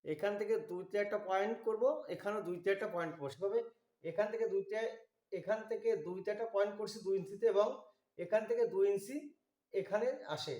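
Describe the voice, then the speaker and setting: A man giving a slow, methodical drawing tutorial, walking through each step. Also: sits high, a little mellow, reverberant. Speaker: drawing instructor.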